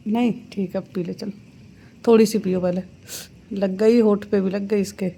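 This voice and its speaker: A woman's voice: medium pitch, steady tone, moderate pace, creaky, mellow. A young woman and mother chatting casually in a home vlog, coaxing her children in a sing-song way. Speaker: vlogger and mother. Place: outdoors at home in the rain.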